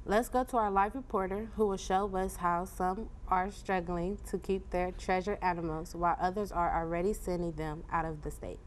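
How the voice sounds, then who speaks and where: A woman anchors a newscast in a fairly low voice. She reads her script formally, with the odd stumble, over faint room noise. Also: fairly even intonation, moderate pace, hardly any pauses. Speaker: student news anchor in a mock newscast. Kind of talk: scripted news reading.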